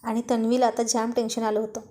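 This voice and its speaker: Woman storyteller, high pitch, mellow tone, calm measured narration.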